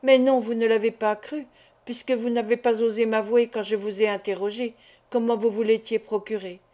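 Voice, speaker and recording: A woman's voice: fairly high pitch, fairly even intonation, moderate pace, mellow, natural voice. A woman reading the part of a proud society lady who scolds a man in a cold, reproachful tone. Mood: scornful.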